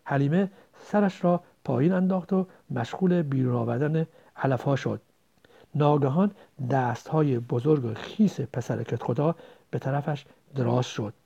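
A man narrating a story in a measured, expressive way. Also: mid-range voice, gravelly, husky. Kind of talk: audiobook narration. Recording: dull lo-fi recording.

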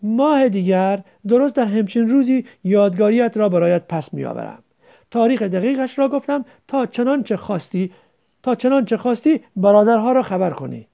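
A male narrator playing a testy, proud man with curt, irritated replies. The voice sits high with a gravelly edge and a mellow, dark tone. The recording is dull and lo-fi. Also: very animated, exaggerated voice. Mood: bitter.

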